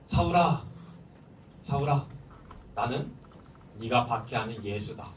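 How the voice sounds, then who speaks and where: A man's voice: mid-range voice, lively intonation, takes it slowly, slight background noise. A solemn, commanding male voice from heaven, put on by a preacher. It sounds roomy and distant, as if caught from across a hall. Faint ambience hangs behind it. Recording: roomy hall, mic far off.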